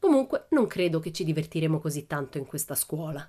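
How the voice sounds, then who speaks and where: A woman reading aloud who voices a patient schoolteacher, speaking in a calm, mildly ironic way. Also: low voice, fast.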